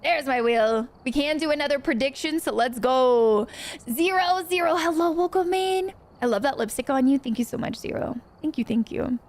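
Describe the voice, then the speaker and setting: High-voiced chatty woman streamer. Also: moderate pace, few pauses. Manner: chatty, greets chat by name. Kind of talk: casual livestream chat while gaming.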